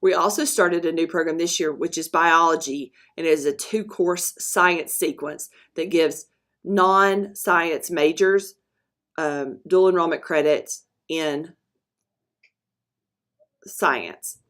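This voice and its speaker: This is a woman narrating a screen recording as a school presenter. Her voice sits a little low for a woman, and she talks in a halting way, stopping for ums and fixing her own words as she goes. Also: a bit bright. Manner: halting, with frequent ums and self-corrections. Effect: narration recorded over a screen recording. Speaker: school dual enrollment presenter.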